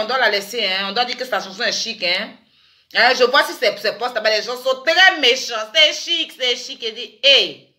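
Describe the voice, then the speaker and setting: A woman chats through a teasing, animated commentary vlog. Her voice sits a little high and rings very bright. She breaks into sudden loud exclamations. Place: in France.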